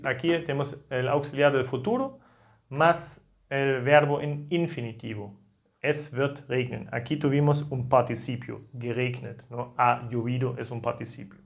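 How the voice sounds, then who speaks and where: A man with a German accent, German by first language, teaching a language lesson with slow explanations that often end in a tag question. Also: medium pitch, vocal fry.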